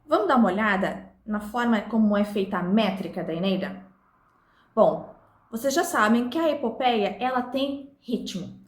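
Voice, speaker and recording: A woman's voice: fairly high pitch, echoey room. A woman teaching a recorded lesson to her viewers, explaining step by step and speaking to them directly. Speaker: literature teacher.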